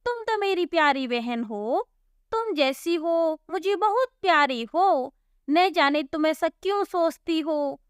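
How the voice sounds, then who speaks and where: A woman voicing a kind, gentle young village woman in a storybook cartoon, soothing and caring. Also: very high-pitched, lively intonation, slow, no room sound, studio quality, exaggerated voice. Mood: reassuring.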